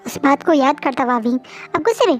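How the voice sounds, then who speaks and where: A woman casually retelling a fan story, chatty and animated, sometimes talking straight to the characters. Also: sits high, quick pace, soft background music. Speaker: fan fiction narrator. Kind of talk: casual storytelling in Hindi and English.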